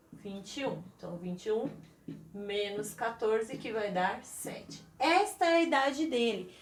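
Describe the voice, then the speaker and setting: A woman's voice: sits high, reverberant. A woman teaching math at a whiteboard in a chatty, encouraging way, asking the viewer questions as she works. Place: classroom with a whiteboard.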